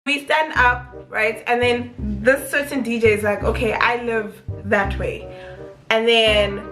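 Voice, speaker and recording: A young woman with a South African accent telling a casual, chatty story in a giggly, tipsy, animated way. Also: on the high side, a little slow. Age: young adult. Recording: music playing behind the voice.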